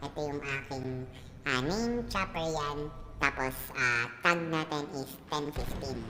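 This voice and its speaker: A woman's voice: deep voice, unhurried. Filipino-accented female gaming host, chatty, voice-changer effect, roomy sound. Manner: chatty, code-switching, laughs often. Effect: real-time voice changer. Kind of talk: casual gameplay commentary.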